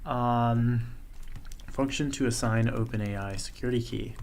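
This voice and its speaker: A man presenting a coding tutorial, thinking aloud in a relaxed way as he walks through code on screen. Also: medium pitch, a little slow, creaky, slight background noise. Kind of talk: screen-share coding walkthrough.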